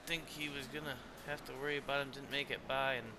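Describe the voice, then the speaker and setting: A tired man giving play-by-play commentary on a sim race, steady in his calls and rising when the racing gets close. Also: mid-range voice, fast talker, noisy background. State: tired, yawning.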